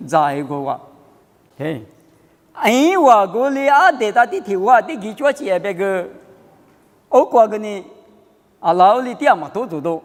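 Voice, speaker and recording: A man with a notably high-pitched voice talks casually and off the cuff. His speech is conversational, and the recording carries a long reverb, as in a hall.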